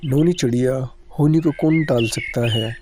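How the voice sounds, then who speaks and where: A man's voice: medium pitch, moderate pace, darkish tone, a little hiss or hum, close to an everyday voice. A man voicing Heera, a kind and sensible male crow, in a cartoon.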